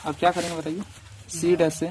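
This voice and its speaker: A man's voice: a little high, completely flat delivery, fairly quick, a crowd in the background. A man teaching a maths lesson step by step, repeating each step and asking rhetorical questions as he draws.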